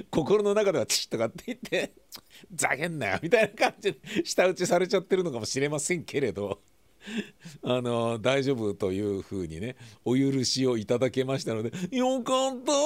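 A man's voice: medium pitch, expressive, a little fast, no room sound. A man hosting his own radio show, reading a mock-serious mission briefing in a stern voice, then chatting casually and animatedly. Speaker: podcast host. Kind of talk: casual solo radio talk. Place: small studio.

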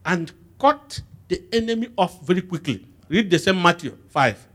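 Preacher guy, lively up and down voice, fires questions at the crowd so they answer back. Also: high-pitched, moderate pace. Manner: lively, emphatic call-and-response questioning. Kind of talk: sermon.

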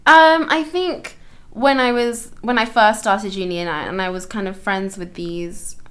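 A woman's voice: medium pitch, steady tone, a little slow, a bit bright. A young woman from London talking as a guest in a casual conversation, hesitant and full of restarts. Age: young adult. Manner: hesitant, many ums and restarts, laughs often.

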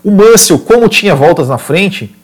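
A man with a Brazilian accent giving casual motorsport commentary, telling race stories in an animated way and often repeating words and adding tag questions. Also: high-pitched, moderate pace. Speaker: motorsport podcast or stream host.

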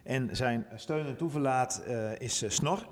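A man's voice: medium pitch, measured pace. A Dutch man from Groningen, co-hosting a casual podcast with laid-back, jokey banter. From Groningen, Netherlands. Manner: laughs often, easygoing banter. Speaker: podcast co-host, physiotherapist. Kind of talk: casual chat. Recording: room with long reverb.

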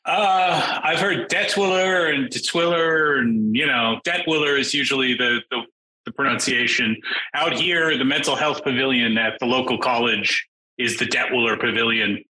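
A man being interviewed as a podcast guest, answering in a halting way with dry jokes and easy laughs. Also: mid-range voice, bright, forceful tone, a little hiss or hum. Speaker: podcast guest, game writer. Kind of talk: casual interview chat. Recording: roomy remote room sound.

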